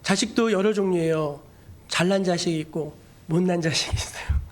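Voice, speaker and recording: A male pastor preaching a sermon, telling stories with lively acted-out quotes. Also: sits high, normal speed. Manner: animated storytelling, acting out quoted voices.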